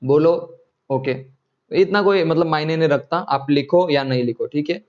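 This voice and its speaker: A man's voice: a little high, moderate pace, lo-fi sound. A man teaching chemistry in an online class, coaxing students and checking often whether they follow.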